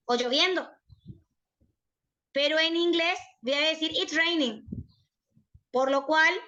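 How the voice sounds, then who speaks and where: Bright, high-voiced Argentine woman tutoring. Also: muffled recording. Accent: Argentine Spanish. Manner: checks in with "¿sí?" after nearly every phrase. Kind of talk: university prep logic lesson.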